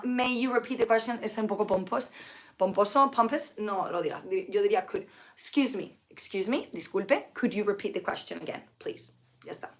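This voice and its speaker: Hoarse woman teaching English. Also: mid-range voice. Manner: chatty, mixes Spanish and English, reads out viewer comments. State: sick with flu, tired. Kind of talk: live-streamed English lesson.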